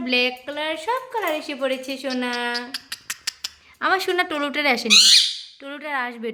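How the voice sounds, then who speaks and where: A woman vlogger talking in a coaxing, babying tone to her pet parrots. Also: sits high. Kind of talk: casual chat. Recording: loud background noise. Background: parrot squawks.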